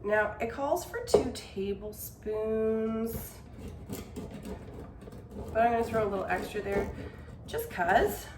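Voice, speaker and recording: A woman's voice: fairly high pitch, takes it slowly, pauses often, roomy sound, far from the mic, background noise. A young woman chatting casually as she preps meals in her home kitchen, a little out of breath and self-deprecating. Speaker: cooking vlogger. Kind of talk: casual meal-prep vlog.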